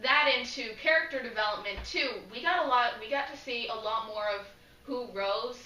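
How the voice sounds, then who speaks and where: A woman's voice: on the high side, normal speed, pushed and bright, reverberant, recorded from a distance, a little hiss or hum, rough recording. A woman co-hosting a casual fan discussion, chatty and chiming in with short asides. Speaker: podcast co-host.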